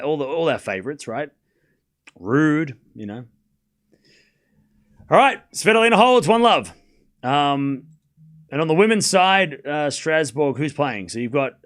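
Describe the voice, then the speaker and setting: A man with a hoarse smoker's rasp, giving casual live tennis commentary and chatting informally with viewers, often repeating scores and phrases. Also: medium pitch, a bit bright. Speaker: host of a live tennis watchalong.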